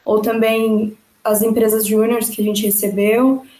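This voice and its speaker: Woman, monotone matter-of-fact answers, bit of room echo. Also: a little high, a little slow. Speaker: student speech therapist, guest. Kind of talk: interview answer.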